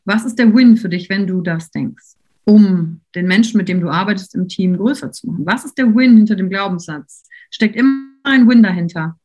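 A woman giving a university lecture in a lively, conversational way, putting questions to her audience in the room. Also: mid-range voice, moderate pace. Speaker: university lecturer on coaching and leadership.

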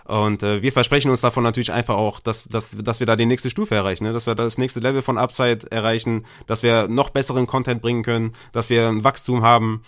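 A man co-hosting a podcast, chatting at a middle pitch. He talks loosely and colloquially. He restarts often and leans on fillers. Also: flat delivery, fast, few pauses, fairly bright tone. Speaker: podcast co-host. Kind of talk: casual podcast chat.

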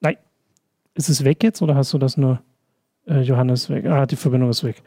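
A man's voice: mid-range voice, steady tone, brisk, dark tone, husky. A man hosting a live-streamed interview, asking long rambling questions with fillers. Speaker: livestream host.

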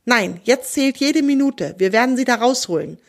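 A woman voicing a calm, confident male magic motorcycle in a children's storybook. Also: on the high side, normal speed. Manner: calm, reassuring.

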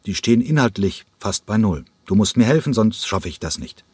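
A man's voice: lowish voice, lively intonation, normal speed, darkish tone, slightly rough, no room sound. A man reading an audiobook, voicing a driven male ballet director who talks in a pressing, emphatic, impatient way. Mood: urgent, pleading.

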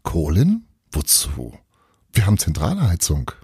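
A man's voice: low voice, wildly swooping pitch, measured pace, a little mellow, husky, dry recording, clean studio sound, exaggerated voice. A man voicing a confused kidnapped man who keeps asking puzzled, complaining questions in a storybook. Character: bewildered male kidnapped Christmas guest.

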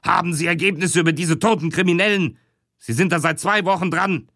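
A man's voice: high voice, fairly quick, bright, forceful tone, no echo, studio quality, pitched above the performer's own voice, heavily acted. A man reading an audiobook, voicing an irate, impatient male police chief. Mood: angry. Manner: barking, impatient.

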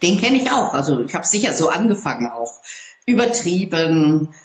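Animated woman speaker in an echoey room. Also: low-pitched, moderate pace. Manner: lively, expressive storytelling. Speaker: public speaker. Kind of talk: interview conversation.

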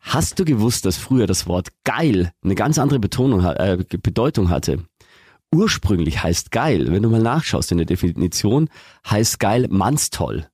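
Husky male podcast host, loose and chatty, dry close sound. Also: on the low side, sing-song, normal speed, a little mellow, no echo. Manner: chatty, trailing off with fillers. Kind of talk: casual chat.

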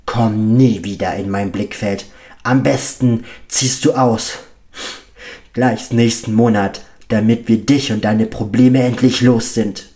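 A man's voice: on the low side, fairly even intonation, a little slow. A man voicing a bellowing furious father. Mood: raging. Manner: loud, bellowing accusations. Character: furious abusive middle-aged father, shouting.

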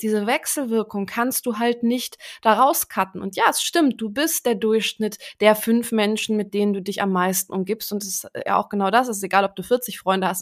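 A woman who works as a coach, talking earnestly in a casual podcast conversation and explaining ideas directly to the listener. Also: mid-range voice.

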